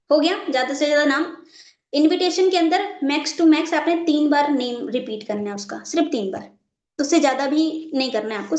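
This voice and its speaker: A woman with a high voice leads a live online training class, asking her listeners over and over whether it is clear. She repeats each point a few times. The sound is echoey, as if she is in a bare room. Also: darkish tone. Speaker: network marketing trainer.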